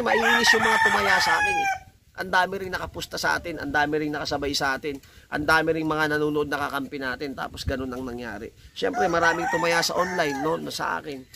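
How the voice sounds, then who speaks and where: Hoarse, gravelly man over crowing roosters. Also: fairly high pitch, heavy background noise. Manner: animated, heated, repeats himself. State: hoarse from shouting. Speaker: cockfighting vlogger. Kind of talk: casual vlog talk. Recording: loud roosters crowing behind.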